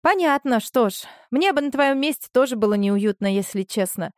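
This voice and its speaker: A woman's voice: fairly high pitch, moderate pace, no echo, studio quality, voice pushed up, natural voice. A woman voicing a chatty female friend talking on the phone. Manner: lively, gossipy.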